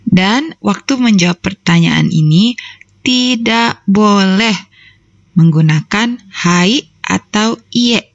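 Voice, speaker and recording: A woman teaching a recorded language grammar lesson, explaining slowly and carefully step by step. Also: mid-range voice, dry recording. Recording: dull lo-fi voice-over.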